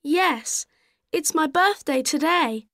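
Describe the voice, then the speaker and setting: A woman playing a polite schoolboy, high-voiced and extremely slow. The answers are careful, stilted textbook dialogue. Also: lively intonation, a bit bright, no echo, clean studio sound, exaggerated voice. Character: polite ten-year-old schoolboy.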